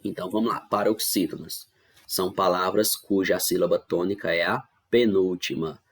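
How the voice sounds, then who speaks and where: A man's voice: low-pitched, steady tone, normal speed. A man teaching an online school review lesson. He explains step by step, repeats the key rules and keeps checking in with the class.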